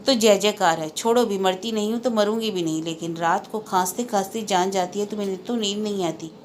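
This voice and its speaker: Ailing middle-aged woman, weary, proud, wry and resigned, quiet storybook voice, read by a woman. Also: medium pitch, brisk, slight background noise, natural voice.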